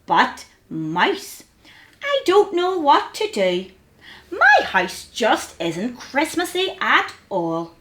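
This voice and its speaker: A woman puts on a little male hedgehog from a children's storybook. He is kindly, childlike and excitable, squeaking out exclamations that jump high and swoop widely. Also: very slow, a little hiss or hum, exaggerated voice. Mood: worried. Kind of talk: storybook character voice.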